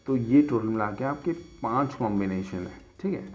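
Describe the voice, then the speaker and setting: A man teaching a lesson on vowel sounds, who keeps checking in with his students and spells example words out slowly. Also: mid-range voice, darkish tone, faint music behind. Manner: repeats "theek hai" as a check-in after nearly every point. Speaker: English teacher. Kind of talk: casual explanatory lesson. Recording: dull lo-fi sound.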